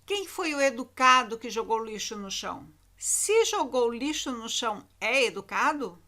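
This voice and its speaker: A woman's voice: on the high side, animated, moderate pace, sharp tone. A Brazilian woman teacher giving a recorded lesson to children, repeating key words with emphatic intonation. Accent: Brazilian Portuguese.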